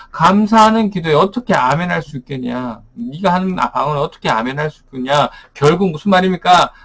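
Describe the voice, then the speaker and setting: A man's voice: fairly high pitch, a bit bright. A man teaching as a pastor, explaining Bible verses in a daily study, asking rhetorical questions and often saying "ne".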